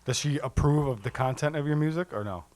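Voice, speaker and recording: A man's voice: fairly high pitch, fast talker, darkish tone. A man hosting a casual interview, asking laid-back, conversational questions. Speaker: interview host.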